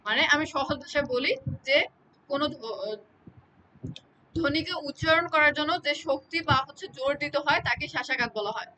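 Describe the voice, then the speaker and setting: A woman's voice: high-pitched, moderate pace, long pauses, bright, forceful tone, a little hiss or hum, rough recording. A woman teaching an exam-prep lecture, explaining with repeated examples and often checking that students follow.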